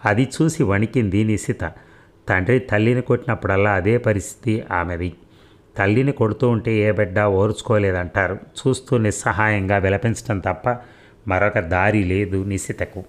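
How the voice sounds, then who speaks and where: Male audiobook narrator, low voice, measured and reflective. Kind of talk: audiobook story reading.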